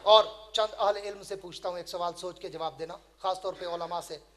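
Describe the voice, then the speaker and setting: A man preaching at a public religious gathering, his voice very high and ringing. He speaks in a rolling, repetitive rhythm, chanting verses and throwing rhetorical questions at the crowd. His tone is bright and forceful. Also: fairly even intonation, a little fast. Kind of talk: sermon.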